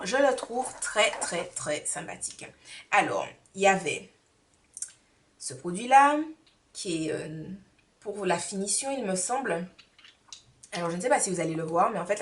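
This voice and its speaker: A woman's voice: fairly low pitch, far from the mic. A woman beauty vlogger reviewing products in a casual, rambling chat full of hesitations and fillers.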